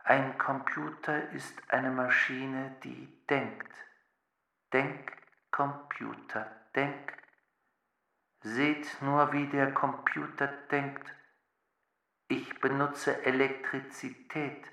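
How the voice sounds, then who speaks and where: A man voicing a talking navigation computer that speaks softly and slowly in simple words in a storybook reading. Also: mid-range voice, flat delivery, gravelly, roomy sound, voice pushed up, full character voice, rough recording. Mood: patiently explaining. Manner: soft, slow, simple words.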